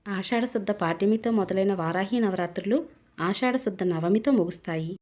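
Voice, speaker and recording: A woman's voice: medium pitch, darkish tone. A woman earnestly explaining a devotional ritual to her viewers, step by step and politely. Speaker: devotional channel host. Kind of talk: devotional pooja instruction.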